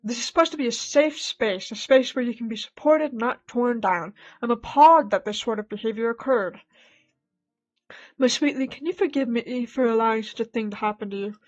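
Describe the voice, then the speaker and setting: A woman's voice: a little high, normal speed, lo-fi sound, lightly acted. Woman reading as a poised, formal art professor. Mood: composed. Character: poised elegant female art professor, protective.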